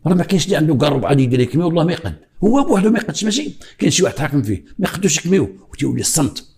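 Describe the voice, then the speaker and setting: An older man with a Moroccan accent, a retired police investigator telling a true crime story with dramatic pauses and imitated heartbeats. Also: on the high side, big pitch swings, darkish tone.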